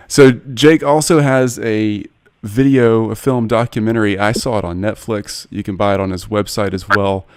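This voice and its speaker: A man's voice: on the low side, darkish tone, clear, resonant tone, no echo. A man in his forties hosting a podcast interview, speaking in an earnest, personal and eager way. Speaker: podcast host.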